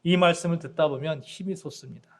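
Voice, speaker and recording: High-voiced male pastor preaching. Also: fast talker. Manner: rhythmic preaching with repeated phrases, building emphasis. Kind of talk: sermon.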